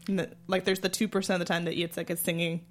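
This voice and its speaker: A woman hosting a casual chat, talking quickly and laughing often. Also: fairly low pitch, flat delivery. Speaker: podcast host.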